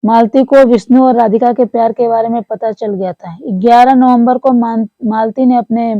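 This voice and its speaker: A woman's voice: on the high side, fairly even intonation, normal speed, no room sound, highs cut off. A woman recounting a story to her viewers in earnest, repetitive commentary, often calling them friends. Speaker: commentator on online creators.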